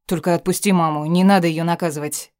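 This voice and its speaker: A woman's voice: lowish voice, steady tone, fast talker, darkish tone, dry recording, studio quality, lightly acted. A woman voicing a frightened teenage son who pleads anxiously. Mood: pleading.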